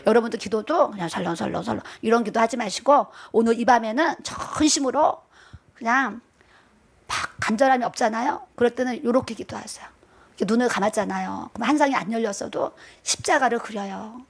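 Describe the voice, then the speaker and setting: Pastor's wife, high bright voice, dramatic testimony sermon, keeps asking the crowd questions. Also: female voice, brisk. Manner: dramatic storytelling, quizzing the audience.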